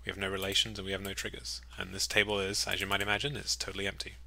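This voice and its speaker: A man giving a casual, upbeat screen-recorded software tutorial, with chatty, jokey asides. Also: low-pitched, monotone, very fast, vocal fry. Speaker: software walkthrough presenter.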